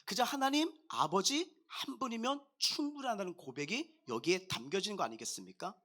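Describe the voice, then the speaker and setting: A man preaching a sermon as pastor, talking straight to his congregation in a jovial, animated way. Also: high-pitched, normal speed. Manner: addresses the congregation directly.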